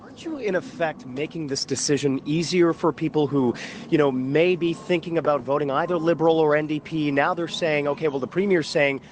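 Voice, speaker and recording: A man's voice: on the high side, fairly quick, a little hiss or hum. A man, a reporter, asking a politician a pointed, probing question at a press scrum.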